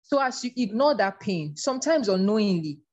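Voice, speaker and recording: A woman guest in an interview, talking in an earnest, measured way about her past and her faith. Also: mid-range voice, lively intonation, a little mellow. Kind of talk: reflective interview talk.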